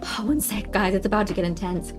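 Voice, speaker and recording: Young woman streaming a game, mid pitch, rambly and chatty, lots of ums, keeps saying guys. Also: fairly even intonation, quick pace, over music. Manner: chatty, rambling, many fillers and restarts, addresses viewers as guys. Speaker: livestream host. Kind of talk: casual storytelling during a game livestream.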